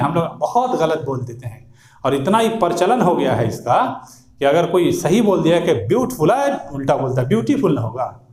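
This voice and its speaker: A man's voice: fairly high pitch, darkish tone, echoey room. A man teaching English grammar, repeating words, drilling pronunciation and quizzing his listeners. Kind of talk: classroom grammar lecture.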